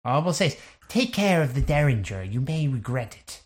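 A man voicing a dryly ominous fortune teller in a tabletop game, speaking in a measured, cryptic way. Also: medium pitch, sing-song, natural voice.

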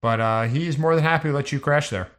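A man's voice: a little high, fast talker, fairly bright tone. A man running a tabletop game as game master, narrating scenes in a casual, loosely improvised, conversational way.

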